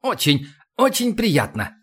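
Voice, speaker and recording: A man voicing a short, fat, jolly male company manager who talks loudly and effusively in an audiobook. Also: sits high, huge pitch swings, slow pace, breathy edge, voice pushed up, full character voice. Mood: jovial. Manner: loud, laughing, effusive.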